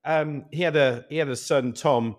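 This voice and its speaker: A middle-aged man from Yorkshire hosting a podcast, telling anecdotes with lively, teasing banter. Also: fairly high pitch, normal speed. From Yorkshire, England. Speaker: podcast host. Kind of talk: casual chat.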